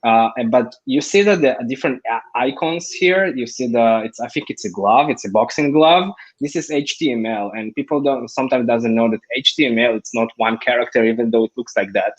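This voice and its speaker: A man joins an online call as a guest, talking casually and in a friendly way. He restarts his words now and then and laughs easily. His voice is of middle pitch. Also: brisk, hardly any pauses.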